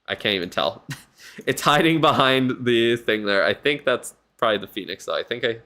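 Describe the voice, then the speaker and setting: A man's voice: medium pitch, lively intonation, fairly quick, sharp tone. A tired man streaming live, giving casual, rambling commentary on a viewer's game account and thinking aloud with lots of fillers. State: yawning, tired.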